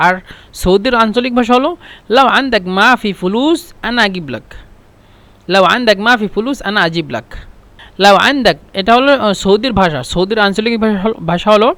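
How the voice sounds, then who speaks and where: A man's voice: high voice, fairly bright tone, no room sound. A man teaching spoken Arabic phrases in a casual lesson, repeating each phrase and explaining it with small hesitations.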